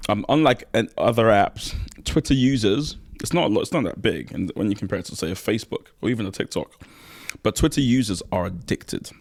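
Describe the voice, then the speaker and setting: A man co-hosts a relaxed podcast, his voice sitting on the low side. He talks in an animated, laughing way and sometimes chews while he talks. The sound is close and dry, with no room around it. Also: brisk, no room sound. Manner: animated, laughs often, eating while talking. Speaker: podcast host. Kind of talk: casual podcast chat.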